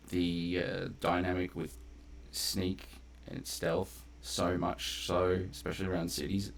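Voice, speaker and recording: A game streamer with a very deep, gravelly voice offers casual live gameplay commentary, rambling conversationally and swearing casually. Faint background noise is audible in the recording.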